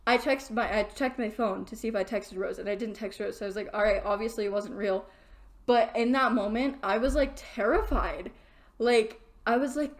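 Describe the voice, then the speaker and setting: A young woman vlogs from her bedroom, telling a long story in a casual, rambling way. Her voice sits a little high. She trips over restarts and leans on filler words as she goes. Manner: rambling, animated, lots of fillers like "like". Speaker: vlogger.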